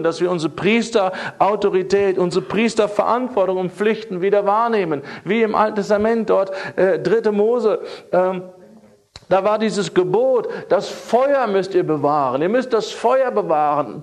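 A man delivers a sermon in a high-pitched voice. He speaks emphatically, circling back to key phrases and pressing them home. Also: unhurried. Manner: emphatic, repeats key phrases, fillers and restarts. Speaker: preacher.

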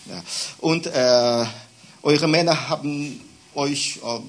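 A man preaching a sermon in German in short bursts for an interpreter, with many fillers, reading scripture aloud slowly. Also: fairly high pitch, a crowd in the background.

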